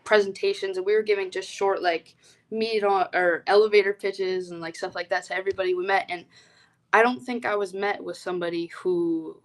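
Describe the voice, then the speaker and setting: A woman's voice: fairly low pitch, poor audio. A young woman from eastern Canada, a youth delegate, presenting casually over a video call with many fillers and restarts. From east coast of Canada. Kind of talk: online presentation.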